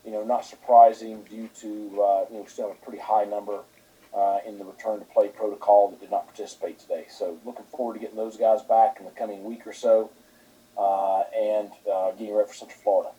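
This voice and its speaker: Brief: male head coach at a press conference, low husky voice, halting with lots of fillers. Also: flat delivery, mellow, highs cut off.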